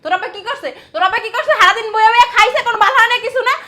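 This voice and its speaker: A woman's voice: very fast, bright, forceful tone. A woman playing a spiteful sister-in-law who berates and mocks her husband's younger brother. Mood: berating. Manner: shrill, berating, mocking. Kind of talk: amateur family drama acting.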